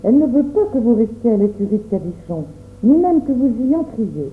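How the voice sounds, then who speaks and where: A woman's voice: a little high, big pitch swings, fairly quick, a little hiss or hum. A woman voicing a deferential chambermaid who speaks in a polite, matter-of-fact way. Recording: tinny phone-like sound, roomy echo.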